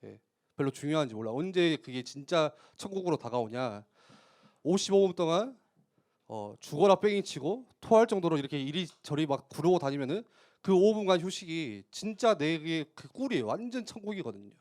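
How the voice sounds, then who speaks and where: Lively-pitched man preaching a sermon. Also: a little fast. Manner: conversational preaching with frequent "예" affirmations and rhetorical questions. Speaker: youth pastor. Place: church.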